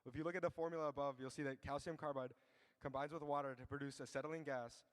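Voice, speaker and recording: A teenage boy presenting a chemistry demonstration with an eager, quick delivery. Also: on the high side, fairly even intonation. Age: late teens. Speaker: student demonstrator. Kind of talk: scripted science explanation. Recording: echoey auditorium sound.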